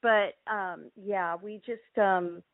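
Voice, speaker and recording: A middle-aged woman from Hawaii, a winemaker chatting casually in an interview, relaxed with many ums and restarts. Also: mid-range voice, slow pace, dry recording. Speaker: winemaker guest. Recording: thin phone-like line, dry.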